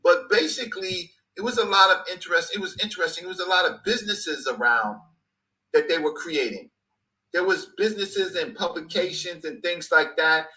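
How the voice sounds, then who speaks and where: A man's voice: sits high, moderate pace, sharp tone, poor audio. A man in his fifties speaking passionately in conversation, stressing points by repeating phrases. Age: 50s. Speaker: guest speaker.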